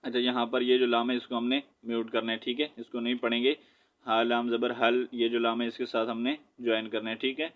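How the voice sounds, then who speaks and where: A man teaching Quran recitation, sounding out each letter and vowel slowly before blending the word, with quicker explanatory asides. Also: mid-range voice, flat delivery. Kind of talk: slow spelled-out Quran recitation lesson. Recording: dull lo-fi audio.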